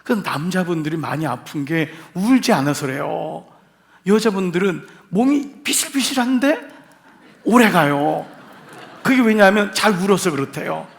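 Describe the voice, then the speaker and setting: A man's voice: high voice, lively intonation, normal speed, creaky. A male senior pastor preaching an Easter sermon in a church, talking to the congregation in a conversational way with humor and rhetorical questions. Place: church sanctuary.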